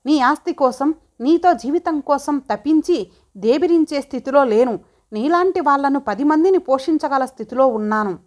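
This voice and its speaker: A woman's voice: high-pitched, moderate pace, lightly acted. A woman voicing a stern, proud woman who owns the house, speaking in a cutting, confrontational way. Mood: scornful. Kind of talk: audiobook drama reading.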